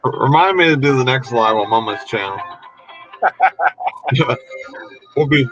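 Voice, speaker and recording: A man's voice: medium pitch, expressive, a little slow, fairly bright tone, dull audio, soft background music. A man hosting a casual live stream, talking in a laid-back, wry way. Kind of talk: casual chat.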